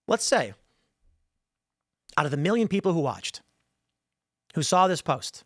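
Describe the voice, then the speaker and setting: A man's voice: on the high side, sing-song, measured pace, no echo, clean studio sound. A man hosting a podcast, telling stories in a rambling, emphatic casual monologue full of fillers. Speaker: podcast host.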